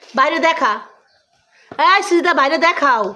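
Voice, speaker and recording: A woman's voice: high voice, moderate pace, bright, forceful tone. Coaxing mother filming her kids at home. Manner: coaxing, playful, addresses viewers. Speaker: mother and family vlogger. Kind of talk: casual family vlog talk with children. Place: at home with children.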